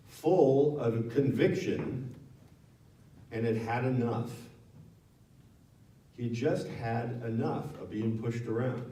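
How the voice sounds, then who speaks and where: Speaking as a guest in a town hall meeting room, a Nevada man shares a personal story with the audience in a candid, chatty manner, fixing his words as he goes. His voice is mellow and medium-pitched, captured from far off with lots of echo.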